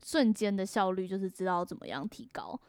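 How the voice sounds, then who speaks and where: A woman's voice: mid-range voice, animated, brisk, darkish tone, no echo, clean studio sound. A young woman with a Taiwanese accent, chatting casually as a podcast co-host. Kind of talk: casual chat.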